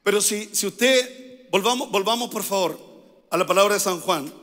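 A male pastor with a Chilean accent preaches a sermon at normal speed in a high, bright, forceful voice. He repeats key phrases and leads call-and-response, with the congregation saying lines back. The long reverb of a church hall rings around him.

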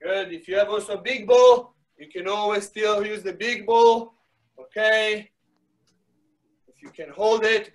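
In a rough recording, a middle-aged man with a high-pitched voice coaches a live soccer fitness workout. He gives brief commands over and over, adding encouragement. A device mic a few metres away records him in a small indoor room with wood panelling.

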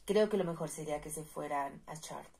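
A woman's voice: low voice, brisk, vocal fry, mellow, breathy edge, heavily acted. A woman reading the lines of a worldly, persuasive male army captain in a storybook reading, with a coaxing, reasonable delivery.

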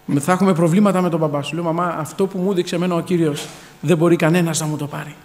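Man, 30s, high voice, fervent church testimony, reverberant hall. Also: steady tone, a little mellow. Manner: fervent, punctuated with hallelujahs and addresses to the brethren. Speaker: church member giving testimony.

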